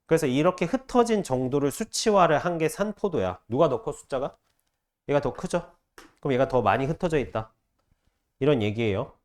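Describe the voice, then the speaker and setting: Man, math teacher, classroom lecture, slightly higher voice, keeps quizzing students. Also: expressive, a little mellow. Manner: quizzes students with rapid questions, repeats key phrases.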